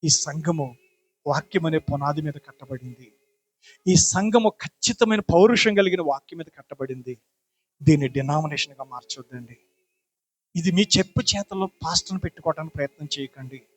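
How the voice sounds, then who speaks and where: Middle-aged pastor guy preaching in church, kinda high voice, gets loud and fervent with repeated pleas. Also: lively intonation, a little fast, low-quality recording. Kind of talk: sermon and prayer.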